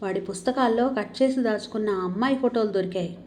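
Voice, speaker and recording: Storybook part: a woman voicing a weary, troubled wife who confides bitterly, warm tone. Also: normal speed, natural voice. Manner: bitter, confiding, low-voiced.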